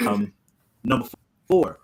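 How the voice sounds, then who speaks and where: A man's voice: slow pace, darkish tone. A man in casual podcast chat, talking loosely with fillers, his online call audio clicking and cutting in and out. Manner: loose and slangy, with hesitant fillers. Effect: online call audio breaking up, clicky and cutting in and out. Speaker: podcast co-host.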